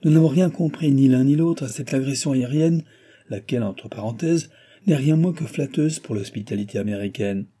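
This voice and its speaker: A man's voice: mid-range voice, moderate pace, dark tone, voice pushed up, natural voice. A man voicing an injured young French adventurer, weak and exhausted yet obstinate and insistent. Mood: questioning.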